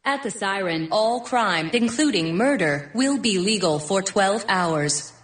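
A woman's voice: medium pitch, expressive, unhurried, lightly acted. A woman playing a cold dystopian government announcer, reading a formal, impersonal emergency broadcast. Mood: cold, official. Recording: echoey broadcast clip over music.

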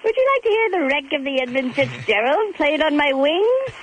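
A woman's voice: sits high, big pitch swings, moderate pace, slight background noise, low-quality recording. A woman voicing a boastful, oblivious male dragonfly in a comic radio bit, stammering and repeating words in flustered bursts. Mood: wooing.

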